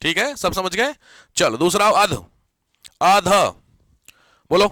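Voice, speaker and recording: High, bright-voiced man teaching grammar. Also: very animated, dry recording. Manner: keeps checking if students follow, mixes English words into Hindi; repeats key words slowly for dictation. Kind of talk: live classroom lesson.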